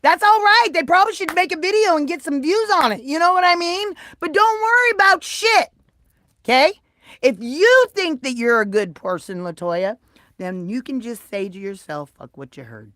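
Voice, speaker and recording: A woman chatting casually with her live-stream viewers, swinging from soft mutters to loud, excited, swearing bursts. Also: very high voice, moderate pace, no echo, clean studio sound.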